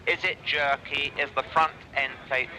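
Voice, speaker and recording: A man's voice: fairly high pitch, level tone, normal speed, sharp tone. A man directing an experiment from the ground over space radio, instructing politely and somewhat hesitantly. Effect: space radio transmission. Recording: noisy space radio link.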